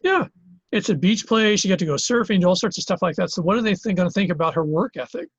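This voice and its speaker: A man's voice: sits high, animated, fast, breathy edge, dry recording, highs cut off. A man teaching a college geography class in Hawaii, lecturing conversationally with lots of fillers and restarts. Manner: conversational, thinks aloud with many fillers and restarts.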